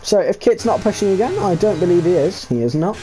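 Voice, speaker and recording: Lively, excitable male race commentator. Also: high voice, fairly quick, slight background noise. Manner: excitable, jokey, rambling asides. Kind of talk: live sim racing league commentary.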